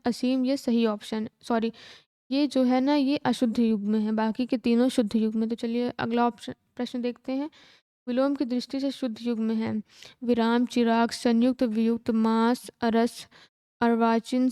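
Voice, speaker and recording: A woman teacher running an exam-prep lesson, reading out questions and answer options at a steady, methodical clip. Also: a little high, clear, resonant tone, no room sound, studio quality. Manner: steady read-aloud of options, brisk and methodical.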